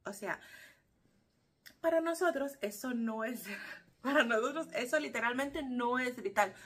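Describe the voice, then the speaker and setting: A woman's voice: on the high side, unhurried, a bit bright, breathy edge. A Cuban woman vlogging casually to her viewers, explaining things expressively and acting out quotes. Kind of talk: casual talk to camera.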